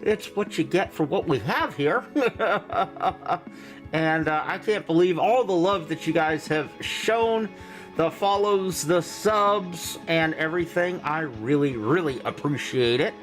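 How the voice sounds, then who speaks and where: High-voiced man, muffled as if hand over mouth. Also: lively intonation, slow pace, faint music behind. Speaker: livestream host. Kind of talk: casual chat with viewers.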